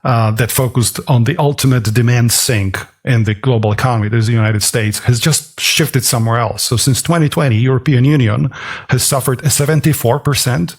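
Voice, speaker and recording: Podcast guest, man from Switzerland, gravelly, analytical, mid-pitched. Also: fairly even intonation, fairly quick. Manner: dense, analytical, many restarts. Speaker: guest, author and portfolio manager. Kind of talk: podcast interview.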